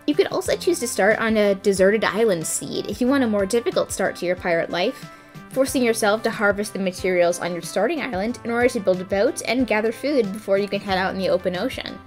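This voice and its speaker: A woman's voice: mid-range voice, darkish tone. A woman hosting a gaming video, giving scripted tutorial narration with dry, playful asides. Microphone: voice-over.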